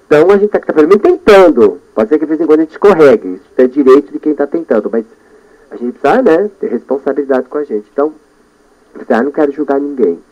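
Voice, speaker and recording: A Brazilian man hosting a radio show, talking in a lively monologue and coaching himself aloud, going from loud bursts to soft murmurs. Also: fairly high pitch, quick pace. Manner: animated, talks to himself, shifts between loud and soft. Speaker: radio host. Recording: dull lo-fi radio broadcast.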